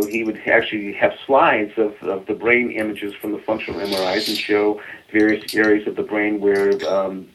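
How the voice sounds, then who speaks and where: Radio guest: Boston man, fairly low voice, earnest, says words twice as he starts, heard over a phone line. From Boston area, US. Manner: earnest, repeats words when starting sentences. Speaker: mindfulness expert guest. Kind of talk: radio interview.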